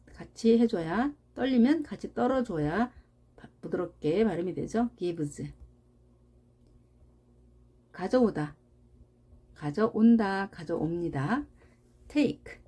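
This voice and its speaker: Slow, mellow woman teaching grammar. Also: medium pitch, breathy edge. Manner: slow, deliberate, repeats example words for drilling; explains patiently with rhetorical questions. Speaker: English teacher. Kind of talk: grammar lesson.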